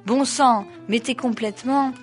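A raucous, simple-minded teenage girl, voiced by a woman reader, who jeers and repeats herself loudly. Her voice sits high and pushed. A storybook reading with faint music underneath. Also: unhurried, natural voice. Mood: jeering. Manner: loud, repetitive, jeering.

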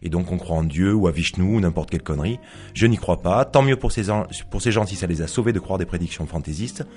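A man's voice: deep voice, animated, fast, a little mellow, faint music behind. A man reading aloud as a first-person narrator, a sardonic psychologist who scorns belief, in a dry, mocking monologue. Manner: dry, mocking monologue with asides to an unseen listener. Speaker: author reading his novel aloud.

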